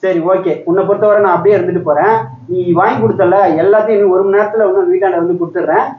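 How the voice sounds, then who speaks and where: A man's voice: sits high, fairly even intonation, very fast, reverberant, phone-quality sound, natural voice. A man playing a young man who defends himself and pleads with his angry girlfriend in a comedy skit. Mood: pleading defensive. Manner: pleading, defensive, repeats questions. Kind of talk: comedy skit phone argument.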